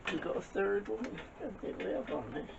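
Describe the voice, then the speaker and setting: Gravelly man muttering in workshop. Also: high voice, very animated, a little fast. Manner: muttering to himself while working. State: out of breath. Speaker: small engine repairer. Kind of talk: casual workshop commentary. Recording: dull lo-fi audio with clear background noise.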